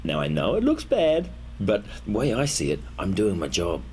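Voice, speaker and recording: A man voicing a meek, cheerfully resigned lab rabbit, halting and apologetic in an animated mockumentary interview. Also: on the low side, heavy background noise. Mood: resigned, upbeat. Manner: halting, apologetic, stoically upbeat.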